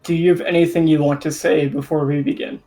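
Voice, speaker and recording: A man's voice: on the high side, level tone, a little fast, dark tone. Man game master narrating over music. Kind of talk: improvised tabletop game narration.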